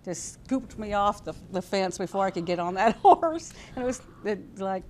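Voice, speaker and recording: With a mid-range, darkish voice, lively intonation and a normal pace, this woman in her sixties recalls old times casually and hesitantly. She's an interview guest from California with an American accent, sitting at a desk in a TV studio and wearing a lapel mic.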